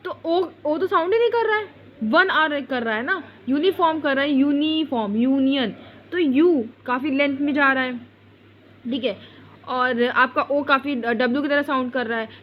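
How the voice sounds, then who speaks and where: A woman's voice: high voice, moderate pace, lo-fi sound, slight background noise. A woman teaching grammar in an online lesson. She repeats words as she explains, restarts often, and mixes English into her Hindi.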